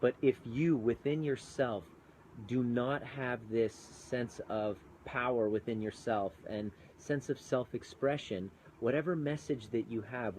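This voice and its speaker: A Canadian man who went from chiropractor to coach chats earnestly on a live phone video outdoors, with mountains in view, greeting viewers mid-thought. His voice sits in the mid-range and is a little mellow. The audio is poor, with slight background noise.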